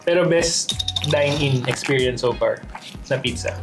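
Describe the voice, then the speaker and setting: A co-host with a mid-range voice who keeps tossing out questions to move the talk along. Music plays clearly underneath. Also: mid-range voice, measured pace. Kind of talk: casual group chat.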